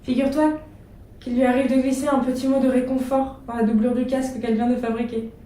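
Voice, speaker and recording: An actress playing a young woman factory worker who reads her wartime letters aloud on stage, with an earnest, measured and tender delivery. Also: sits high, little pitch movement, warm tone, natural voice. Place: theatre stage. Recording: echoey theatre from far off, faint background hum.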